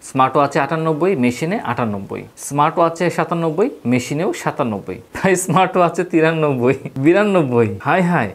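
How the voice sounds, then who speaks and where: A woman rattles through a casual gadget review at a rapid clip. Her voice sits low for a woman. She is chatty, keeps turning to the viewers, and drops English words into her talk. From Bangladesh. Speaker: tech shop product reviewer. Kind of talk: casual hands-on product review.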